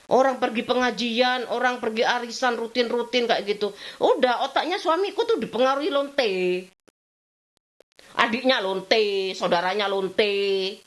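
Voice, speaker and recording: A middle-aged woman, chatting at home in a rambling, venting way, her voice jumping up in complaint and sinking to low murmurs. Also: measured pace. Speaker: vlogger. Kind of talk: casual chat.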